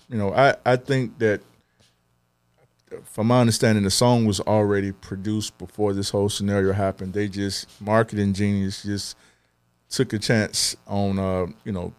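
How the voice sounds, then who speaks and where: A young adult man co-hosts a podcast in a smooth, lowish voice. He chats earnestly and casually, with lots of fillers and restarts.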